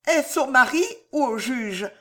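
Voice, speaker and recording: Brief: terrified pleading young wife, high and wavering, read by a man. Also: lively intonation, measured pace, a bit bright. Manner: trembling, pleading. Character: frightened young wife accused of poisoning.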